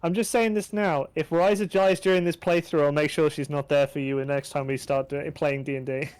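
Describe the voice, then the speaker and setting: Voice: mid-range voice, steady tone, a little fast, darkish tone, clear, resonant tone. A guest streamer chatting casually over a video game, joking crudely and swearing often. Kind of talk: casual gameplay chat.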